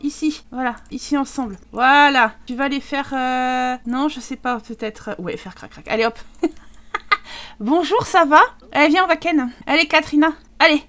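A woman's voice: sits high, moderate pace, bright, forceful tone. A woman giving casual, joking commentary over a life-simulation game and talking to the characters. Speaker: gaming streamer.

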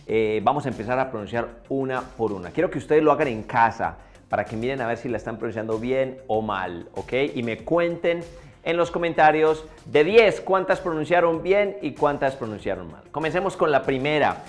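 A man leads a pronunciation lesson, his pitch rising and falling with animation. He spells out and repeats each word slowly, with soft music playing underneath. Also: animated. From Colombia. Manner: drills words slowly, repeating each one. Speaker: English teacher.

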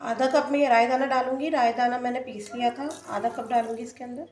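Cooking host, woman, high voice, step-by-step recipe narration in an echoey home kitchen. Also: fairly even intonation, fairly quick, a little mellow, slight background noise. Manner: plain, explains each step as she works.

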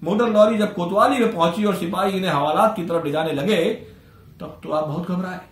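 Expressive male storyteller, echoey room. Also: high-pitched, brisk. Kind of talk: narrating a literary story.

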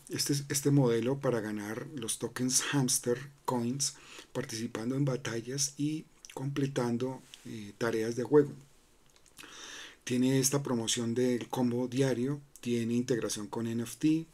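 A man's voice: mid-range voice, a little mellow. A man hosting a crypto channel, talking loosely through a screen-recorded walkthrough, full of fillers, restarts and tag questions. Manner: loose and conversational, many fillers and restarts, asks "¿no?".

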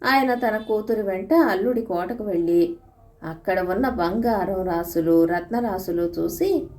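A woman narrating folk and moral tales as an audiobook storyteller, in a steady, expressive way. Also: medium pitch, unhurried.

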